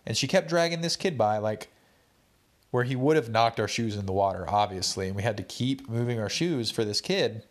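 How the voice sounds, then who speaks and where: A man's voice: on the low side, expressive, normal speed. A young man with a stuffed-up nose, tired and laid-back, casually recapping his day to viewers in a rambling, slangy vlog. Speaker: vlogger.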